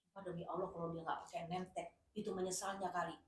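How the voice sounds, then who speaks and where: A woman's voice: fairly low pitch, level tone, fast talker. Chatty woman, echoey far-off recording. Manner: chatty, self-deprecating, polite. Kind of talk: casual classroom talk. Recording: echoey room, mic far off.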